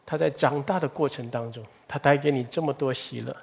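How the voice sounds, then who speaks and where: Husky-voiced man preaching a sermon. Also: mid-range voice, fairly quick. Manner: earnest, rhetorical questions, rising emphasis. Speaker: pastor.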